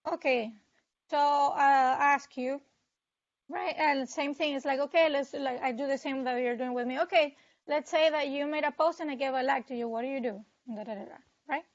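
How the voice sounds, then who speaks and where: A high-pitched woman working as an interpreter in a practice session, fumbling for words and filling gaps with "like." Her voice comes through dull, lo-fi call audio. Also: steady tone, normal speed. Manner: hesitant, full of "like" and restarts. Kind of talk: casual practice conversation.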